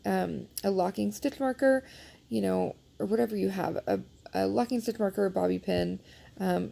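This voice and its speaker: Filmed on a nearby phone, a woman shows how to repair knitting in a casual tutorial, sniffling and congested as she goes. Her mid-range voice is mellow with vocal fry. As a knitting instructor she's chatty, apologetic, and self-deprecating, leaning on many fillers.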